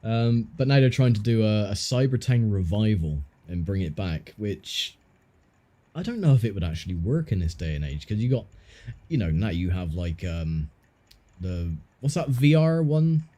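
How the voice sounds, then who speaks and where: A man's voice: lowish voice, sing-song, normal speed, dark tone. A man streaming, telling rambling stories in casual chat with a friend. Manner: rambling, self-interrupting storyteller.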